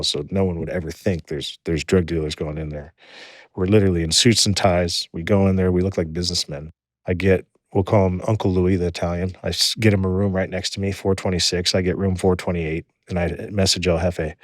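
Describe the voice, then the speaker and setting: A man in his forties, a podcast guest, telling a story in a casual, animated, profane way. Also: deep voice, brisk, dry recording, clean studio sound. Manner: animated, profane, repeats words when excited.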